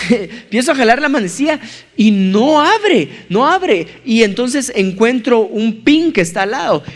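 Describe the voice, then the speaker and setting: A male pastor preaching a sermon, telling a funny personal story and acting out the scenes with lively energy. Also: sits high. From Colombia. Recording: church hall reverb.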